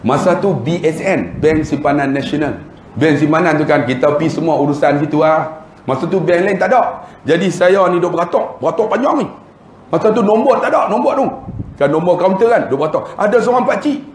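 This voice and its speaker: A man's voice: fairly high pitch, brisk, reverberant, slight background noise. A man with a northern Malaysian accent giving a religious lecture, telling humorous stories and acting out the dialogue. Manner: animated, humorous, acts out dialogue. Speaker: Islamic preacher.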